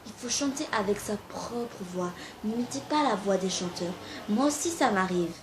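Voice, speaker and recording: A woman's voice: mid-range voice, lively intonation, normal speed, noisy background. A young woman talking casually to camera and giving amateur singing tips, informal and a little hesitant, with frequent fillers.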